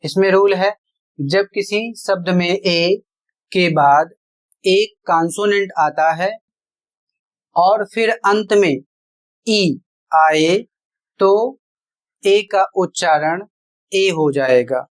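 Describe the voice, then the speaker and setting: A teacher giving an online pronunciation lesson, explaining each rule deliberately and repeating examples step by step. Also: mid-range voice.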